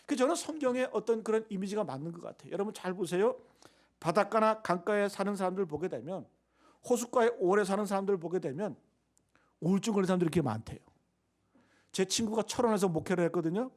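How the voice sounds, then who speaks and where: A pastor delivering a Sunday sermon in a fairly high voice. He preaches emphatically and keeps turning to the congregation with rhetorical questions. His volume swings between loud stresses and near-whispered asides. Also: animated, quick pace.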